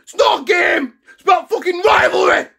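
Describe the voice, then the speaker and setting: A man playing an angry young football fan in a comedy sketch, ranting and swearing with shouted bursts. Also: extremely high pitch, slow pace, full character voice. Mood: furious. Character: furious English male football fan ranting. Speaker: comedy character.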